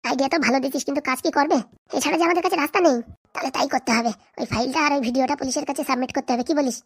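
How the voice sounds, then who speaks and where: A woman with a high, steady voice talks very fast, playing a greedy, scheming middle-aged mother in a cartoon comedy. She scolds and curses, and her delivery is foul-mouthed throughout.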